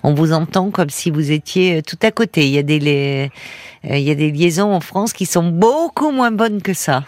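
A woman hosting a late-night call-in radio show, gently encouraging her caller with frequent murmured agreement. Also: deep voice, expressive, normal speed, no echo. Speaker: radio host.

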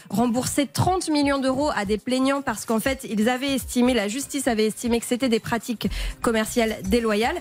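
A woman giving a consumer-advice column on a live radio show, explaining facts and warning listeners. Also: fairly high pitch. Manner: explanatory, advising listeners directly. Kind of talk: informative radio segment. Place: radio studio.

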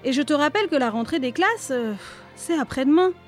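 A lively young witch girl, bold and bossy, piping up high and exclaiming often, as a woman reads her out. Her lines come quick and animated in a storybook telling. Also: faint music behind.

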